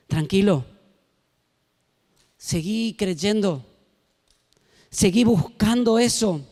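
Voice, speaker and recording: A man preaches from the pulpit, slipping in and out of the voices of the people in his story. His voice sits high for a man, and a long reverb from a large church hall trails after his words. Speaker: pastor. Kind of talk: sermon.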